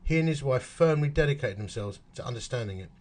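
Animated and fast-talking, a man with a medium-pitched, darkish voice and an Essex accent reads a history article aloud. He pauses for chatty asides and puzzles out dates and numbers as he reads.

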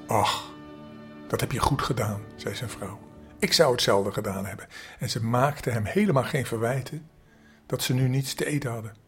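An older man, a grandfather, calmly reading a bedtime story aloud at an unhurried pace, with small slips along the way. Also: medium pitch, slightly rough.

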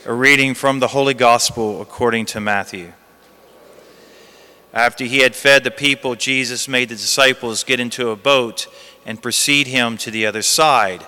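A man's voice: medium pitch, pushed and bright, clear, resonant tone. A priest reading the gospel and preaching emphatically, with repeated phrases, his voice ringing in a large church's cathedral echo. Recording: long echoing church reverb.

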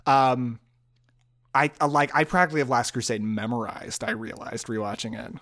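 A man hosting a podcast, chatting casually about movies in a relaxed, rambling way with many fillers. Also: medium pitch, moderate pace. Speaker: podcast host. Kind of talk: casual film chat.

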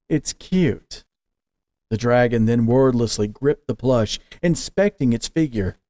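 A man narrating an audio story in a slow, measured, deliberate way. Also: medium pitch, a little mellow, no room sound.

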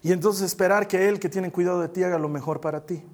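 A man preaching a sermon with emphatic, repeated phrases that drop into soft, quiet murmurs. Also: sits high, fairly even intonation, fast.

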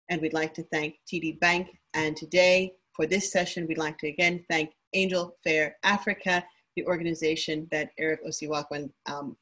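A woman hosting an online pitch competition, speaking politely and formally as she thanks judges and sponsors and announces winners. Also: fairly bright tone. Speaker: event host.

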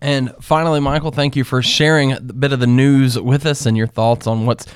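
A man's voice: medium pitch, steady tone, moderate pace, clean tone, no room sound. Chatty male podcast host, dry close sound. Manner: jokey, chatty. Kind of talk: casual interview chat.

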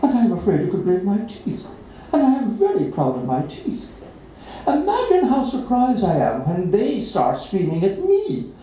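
A reader at a live event tells a children's story with a wildly swooping, dramatic delivery. The tone is mellow and dark. The voice comes from a distance in a very echoey room with faint noise behind. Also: medium pitch, wildly swooping pitch, moderate pace. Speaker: reader at an open mic. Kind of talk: reading a children's story aloud.

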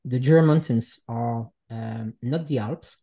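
A man from Switzerland talks as a guest in an unhurried conversation. His voice sounds dark and mellow. He often pauses and hunts for the right words. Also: medium pitch, slightly rough. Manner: reflective, searching for words, speaks English as a second language. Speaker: guest artist. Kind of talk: casual conversation.

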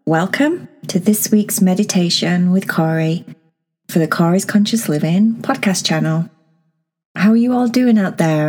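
Slow, soothing woman guiding meditation. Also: mid-range voice, mellow. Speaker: meditation guide and podcast host. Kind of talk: guided meditation for children. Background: new-age music.

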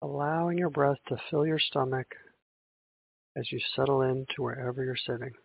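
A man guides a meditation in the unhurried, soothing manner of a sleep story narrator. His mid-pitched voice is gravelly and a little raspy, with long pauses between phrases. The recording is narrow and phone-like. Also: level tone, a little hiss or hum. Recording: muffled, phone-like narrow sound.

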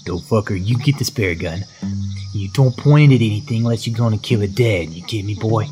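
A man's voice: on the low side, fairly quick, natural voice. A man playing a brutal frontier father. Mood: gruff orders. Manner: snarling, threatening, bursts into yelling. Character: violent, foul-mouthed frontier father. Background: guitar music.

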